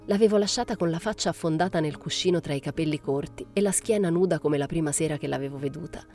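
A woman reading a literary novel aloud as audiobook narration, in a measured, understated first-person style. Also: sits low, warm tone, soft background music. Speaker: audiobook reader.

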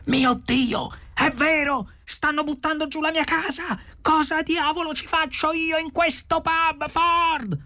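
A man voicing a panicked young man who shrills and shouts in outrage, in an audiobook reading. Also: mid-range voice, lively intonation, measured pace, breathy edge, full character voice. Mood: furious.

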